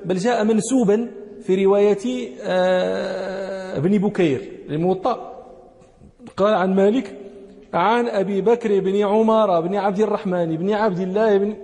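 A man's voice: sits high, moderate pace, warm tone. A man teaching a classroom lesson, explaining a text, repeating key phrases and checking that listeners follow. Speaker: sheikh teaching hadith. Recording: long hall reverb.

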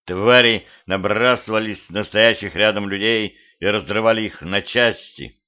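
A man's voice: fairly low pitch, measured pace, dull audio. A man narrating a humorous first-person audiobook in a wry, dry manner, recorded at home. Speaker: audiobook reader. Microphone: home microphone.

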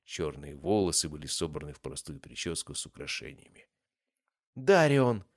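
Deep-voiced man narrating an audiobook. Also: fairly quick, vocal fry, slightly rough, dry recording, clean studio sound. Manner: expressive storytelling. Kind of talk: first-person scripted fantasy narration.

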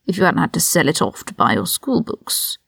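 A woman's voice: fairly low pitch, sing-song, fairly quick, creaky, a bit bright, breathy edge, no echo, studio quality, exaggerated voice. A woman voicing a cold, sneering aristocratic older man who speaks in a hissing whisper, in a whispered role-play from a read-aloud story. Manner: condescending, cutting.

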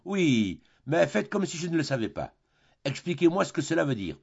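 A naive, boastful middle-aged bourgeois, as a male reader plays him, blustering and quick to marvel. His husky, gravelly voice swings widely in pitch. The audiobook recording sounds dull and lo-fi. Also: sing-song, darkish tone, full character voice. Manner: blustering, easily amazed, hot-tempered. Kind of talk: audiobook reading of a classic play.

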